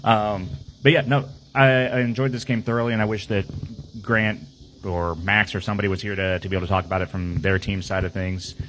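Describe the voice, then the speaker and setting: This team player's voice runs low yet fairly bright, steady and brisk, as he recaps his team's game on a laid-back podcast, rambling with plenty of fillers and restarts. The recording is low quality, with slight background noise.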